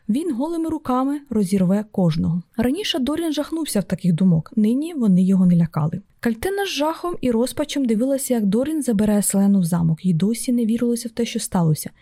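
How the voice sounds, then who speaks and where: Brisk woman reading an audiobook. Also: fairly high pitch, warm tone, no room sound, studio quality. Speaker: audiobook narrator. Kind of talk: audiobook narration.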